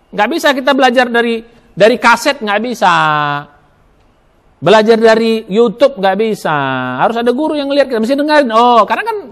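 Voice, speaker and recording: A man preaching a Ramadan sermon in a mosque, emphatic, spelling out Arabic letters and sounds, asking questions and answering them himself. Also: sits high. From Indonesia. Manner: asks and answers his own questions.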